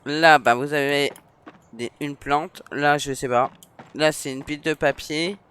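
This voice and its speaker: A man's voice: a little high, steady tone, a little slow, pushed and bright, slight background noise. Chatty man with a northern French accent. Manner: chatty, informal, frequent hesitations. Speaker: gaming streamer. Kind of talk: casual let's-play commentary.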